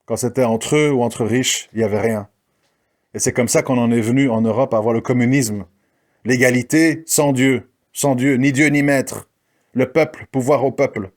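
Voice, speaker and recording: A man's voice: medium pitch, normal speed. A man delivering a combative spoken monologue, challenging his listeners and mocking the people he criticizes. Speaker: commentator. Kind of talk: ranting monologue.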